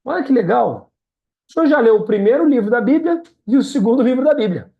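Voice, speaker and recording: A woman's voice: fairly high pitch, lively intonation, fairly quick. A woman tutoring a student one-on-one in reading Hebrew, patient and encouraging, speaking over a video call. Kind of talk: one-on-one language lesson. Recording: dull lo-fi sound.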